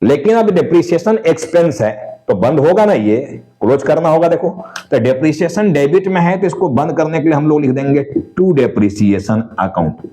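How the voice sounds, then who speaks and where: Guy teaching accounts, warm low-key voice, keeps checking in with the class as he walks through steps. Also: animated, fairly quick, hardly any pauses, low-quality recording. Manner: explains step by step, asks and answers his own questions; often says "dekho" and "theek hai" to check on students. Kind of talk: explanatory lecture.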